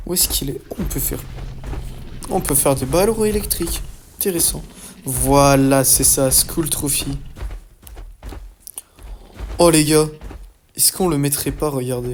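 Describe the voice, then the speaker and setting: A young man giving casual let's-play commentary, excitable and swearing often as he talks to his viewers. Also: medium pitch, slow, pauses often, slight background noise. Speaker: gaming YouTuber.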